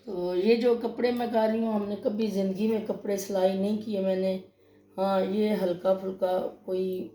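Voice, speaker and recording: A woman vlogger with a Pakistani Urdu accent tells a personal story casually, emotional and hurt as she recounts a quarrel and acts out both sides. Her mid-range voice sounds mellow, with a roomy sound.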